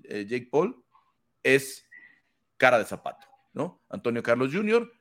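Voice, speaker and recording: A man's voice: medium pitch, big pitch swings, measured pace, a bit bright. A man hosting a combat sports panel, talking fluently and emphatically with many fillers and tag questions. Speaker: host of an MMA analysis panel. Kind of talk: casual panel commentary.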